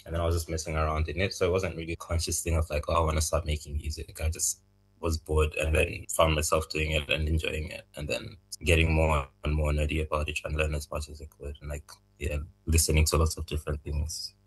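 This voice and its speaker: A young man from Zambia, raised in Malawi, answering interview questions about making music in a soft, thoughtful, halting way. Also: rumbling low, monotone, slightly rough, rough recording. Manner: soft-spoken, thoughtful, halting, laughs lightly. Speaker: music producer, guest.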